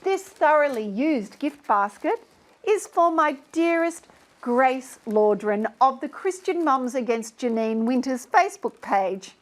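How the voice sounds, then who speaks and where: A vain, self-adoring talk-show host, as a woman acts her out, with a high, sugary voice that drags out each phrase. She gushes and pities herself in a grand, theatrical way for comic effect. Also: expressive, unhurried. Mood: smug. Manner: theatrical, syrupy and self-pitying. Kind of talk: comic sketch acting.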